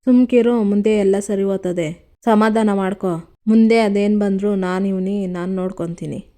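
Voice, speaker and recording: A woman's voice: mid-range voice, fairly even intonation, moderate pace, warm tone, lightly acted. A woman reading the lines of a stern elderly village grandmother who scolds and reassures her family in rustic speech. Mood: reassuring.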